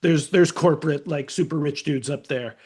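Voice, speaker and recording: As a podcast guest, a middle-aged man with a high, husky voice tells stories in a relaxed, unscripted, animated way at a moderate pace. He keeps dropping into little voices for the characters in his anecdotes.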